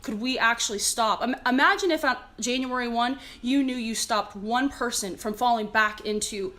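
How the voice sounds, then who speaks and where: A woman's voice: fairly high pitch, moderate pace, bright, forceful tone. A woman with a Californian American accent giving an earnest, emphatic motivational talk to live stream viewers in a conversational way. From California, United States. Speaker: fitness leader and live streamer.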